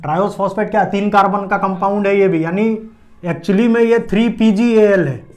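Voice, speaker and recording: A man's voice: sits high, fairly even intonation, moderate pace. A man teaching a biology lesson at a board, explaining step by step and asking and answering his own check questions. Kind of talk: classroom lecture at a board.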